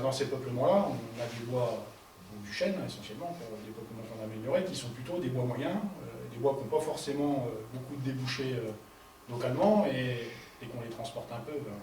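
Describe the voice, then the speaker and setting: A man speaking on a panel, explaining at length with many fillers and self-corrections. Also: mid-range voice. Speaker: forestry advisor on a panel. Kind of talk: panel discussion contribution. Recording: distant mic in echoey room, audible noise.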